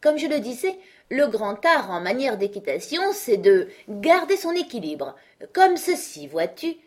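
A woman voicing an earnest, solemn male knight who is proud of his clumsy inventions, read in a breathy voice for a storybook. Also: a little high, very animated, unhurried, voice pushed up. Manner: grave, proud, rambling explanations. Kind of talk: audiobook character reading.

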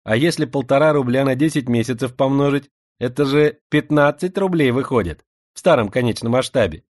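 A man's voice: medium pitch, fairly quick, a little mellow, dry recording, studio quality, voice pushed up, natural voice. A man voicing a lisping older schoolboy who talks in sugary diminutives and needles the others. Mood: needling. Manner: needling, mocking.

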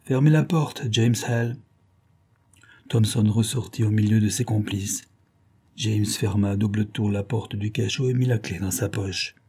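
A man narrating a detective novel as an audiobook, in a steady, even reading. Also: on the low side, normal speed, husky.

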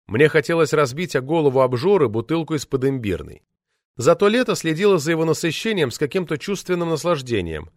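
A man narrates a novel in an expressive, measured reading. His voice sits fairly high and moves freely in pitch. The recording is dry and close to the mic. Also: no echo. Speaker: audiobook narrator. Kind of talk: literary audiobook narration.

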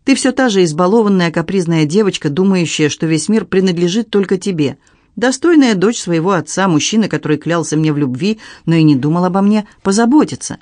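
A man's voice: high voice, a little fast, no echo. A man voicing a strict, cold middle-aged stepmother who speaks evenly and dryly. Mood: cold, stern. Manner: level, dry, coldly calm.

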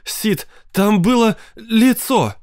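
A man voicing a shrill hysterical wife. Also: animated, slow pace, darkish tone, no echo, studio quality. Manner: wailing, sobbing, shrieking. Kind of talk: audiobook character voice.

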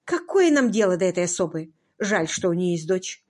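A woman's voice: lowish voice, very animated, a little fast, a little mellow. A woman voicing a prim, imperious aristocratic lady who speaks in a haughty, exasperated, clipped way in an audiobook. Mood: indignant.

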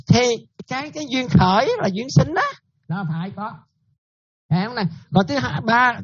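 A woman's voice: medium pitch, breathy edge, lo-fi sound. A Buddhist nun giving a dharma talk, often checking that her listeners follow and repeating her points.

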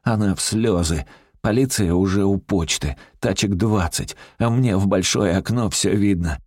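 A man's voice: low voice, a little mellow, breathy edge, dry recording, studio quality. A man narrating a story in the first person as a brash, crude-talking outlaw. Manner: brash, crude street talk, rapid storytelling. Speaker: audiobook narrator.

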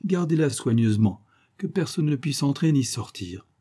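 A shrewd detective who teases and keeps his plans to himself, read by a man. The voice is husky and dark in an audiobook reading. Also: medium pitch, animated, normal speed, pitched above the performer's own voice. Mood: sly. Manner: sly, teasing. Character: shrewd playful male detective.

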